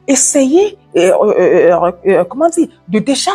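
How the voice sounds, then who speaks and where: A woman with an African French accent giving a fast, loud, energetic devotional talk and swallowing some of her words. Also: mid-range voice, slightly rough, faint music behind.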